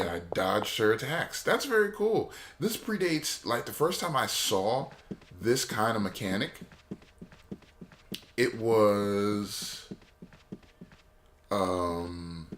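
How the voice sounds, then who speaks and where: Rambling, jokey gamer man with lowish voice. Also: a bit bright, a little hiss or hum. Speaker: let's play host. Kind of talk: gameplay commentary.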